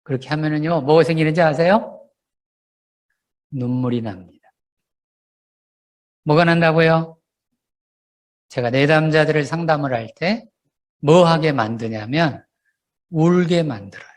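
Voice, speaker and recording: An older man preaching in a church, his voice sitting a little high for a man. He keeps putting questions to the listeners and hammers points home by repeating phrases, in the manner of a seasoned pastor and counselor. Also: unhurried, long pauses. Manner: rhetorical questions to the congregation, builds through repetition. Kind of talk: sermon.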